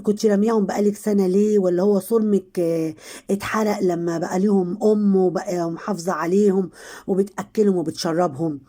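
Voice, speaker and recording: Egyptian woman vlogger, warm mellow voice, scolding and indignant commentary. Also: medium pitch, steady tone, a little fast. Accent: Egyptian Arabic. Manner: indignant, scolding, talking straight to the people she criticizes. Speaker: vlogger commenting on online drama. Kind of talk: casual commentary to viewers.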